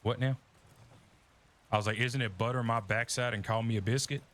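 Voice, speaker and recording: A man's voice: mid-range voice, steady tone, normal speed, a bit bright. A man in a Western role-play game, telling folksy stories full of rural sayings and mock voices.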